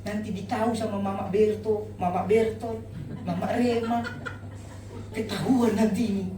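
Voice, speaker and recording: A man's voice: sits high, steady tone, normal speed, close to an everyday voice. A fretful wife fusses over whether her outfit will be noticed, as a male preacher puts her on. The voice rings through an echoing hall, caught by a distant mic. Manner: fretful, self-conscious.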